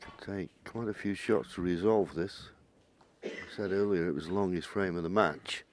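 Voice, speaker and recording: A man's voice: deep voice, moderate pace, a little hiss or hum. A man giving conversational snooker commentary, with chatty explanatory asides as a co-commentator.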